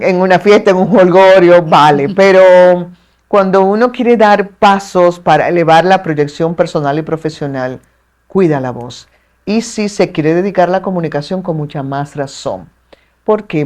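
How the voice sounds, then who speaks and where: A woman with a Dominican accent, a communication expert speaking as a guest in an interview, articulate and measured with playful asides. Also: on the low side, darkish tone. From Dominican Republic. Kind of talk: explanatory interview talk.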